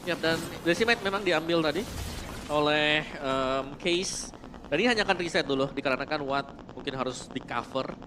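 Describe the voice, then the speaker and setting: A man's voice: fairly high pitch, moderate pace, background noise. A man explaining builds and items in esports color commentary. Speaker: esports analyst caster.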